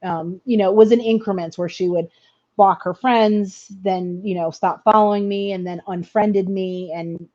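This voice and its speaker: A woman's voice: mid-range voice, steady tone, normal speed, mellow, lo-fi sound. A middle-aged woman telling a personal story in an interview, earnest and hesitant, often repeating words as she goes.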